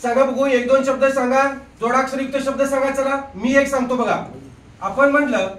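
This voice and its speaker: Male teacher, very high voice, drills a class with rapid questions; echoey room, distant mic. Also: fairly even intonation, a bit bright. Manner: drills students with quick questions, repeats "बघा". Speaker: grammar teacher. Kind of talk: live classroom lesson.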